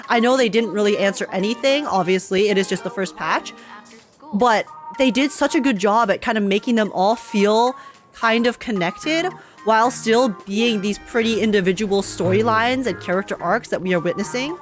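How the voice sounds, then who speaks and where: Commentating live on a video game she's streaming, a woman gets excited and rambles, speaking emphatically with heaps of slang in a medium-pitched voice.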